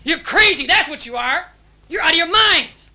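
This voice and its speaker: An actor with an American accent playing a frightened captive soldier who shouts and swears. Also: male voice, very high-pitched, huge pitch swings, takes it slowly, full character voice. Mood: panicked. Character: panicked young male American soldier held captive. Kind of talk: film drama acting.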